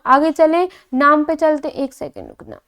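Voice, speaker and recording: A young woman with a high voice teaches an exam coaching lesson. She keeps asking her class a question and then answering it herself, repeating each key point with plenty of fillers. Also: wildly swooping pitch, moderate pace, fairly bright tone.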